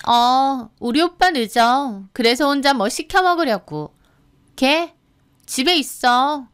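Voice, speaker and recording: A woman's voice: high-pitched, expressive, slow pace, fairly bright tone, smooth, voice pushed up, exaggerated voice. A woman voicing a young sister-in-law who mocks and threatens with open contempt, in a radio drama. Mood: mocking. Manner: mocking, contemptuous, menacing.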